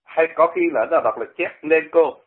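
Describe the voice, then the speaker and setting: A man's voice: on the high side, normal speed. Older man on a phone line. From Vietnam. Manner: conversational and explanatory, repeats words to demonstrate pronunciation. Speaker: radio commentator. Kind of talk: radio talk, explaining language.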